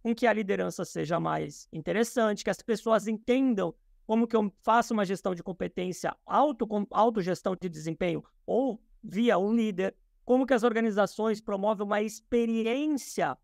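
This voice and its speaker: Male guest from Brazil, gravelly and dry, thoughtful explainer on a video call. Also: sits high, normal speed, few pauses, no room sound. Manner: thoughtful, many fillers and restarts. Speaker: podcast guest. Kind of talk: explanatory interview talk. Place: his office.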